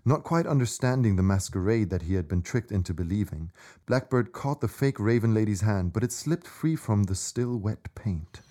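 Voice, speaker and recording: A man's voice: fairly low pitch, animated, moderate pace, warm tone. A man narrating a scripted children's adventure story.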